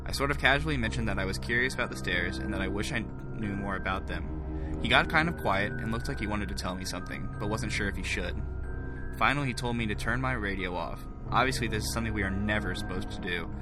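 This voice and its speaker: A man narrates a first-person horror story in a lowish voice at a quick clip. His delivery is that of a scripted storyteller, with music clearly playing underneath.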